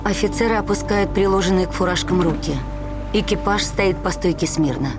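A woman's voice: medium pitch, a little fast. A woman reading scripted narration that describes the action of a film. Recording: loud film soundtrack underneath. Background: film music and engine noise.

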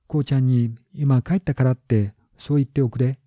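A man voicing a mild, easygoing young male schoolteacher in a story, with gentle, unhurried speech. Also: medium pitch, steady tone, no room sound, natural voice. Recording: dull lo-fi recording.

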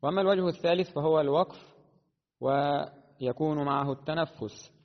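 A man teaching the rules of Quran recitation, explaining at a deliberate pace and slowing to chant the verses melodically. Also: fairly high pitch. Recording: dull lo-fi sound with long reverb.

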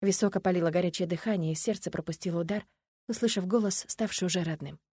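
A woman reading a first-person audiobook in a measured, expressive storytelling manner. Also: fairly low pitch, husky, no echo, clean studio sound. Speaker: audiobook narrator.

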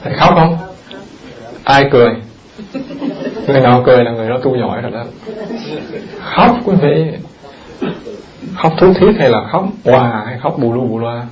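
A man, a Buddhist monk, giving an animated dharma talk in a temple hall, often turning to the audience with questions. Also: medium pitch, moderate pace, long pauses, muffled recording, crowd noise.

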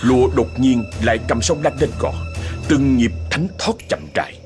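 A man's voice: medium pitch, normal speed, over music. A man narrating a ghost story dramatically. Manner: dramatic, expressive.

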